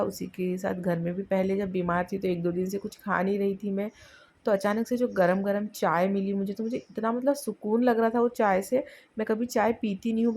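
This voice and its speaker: A woman's voice: medium pitch, darkish tone, slight background noise. Chatty woman vlogger from India. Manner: chatty, frequent fillers and Hinglish asides. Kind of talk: casual personal vlog narration.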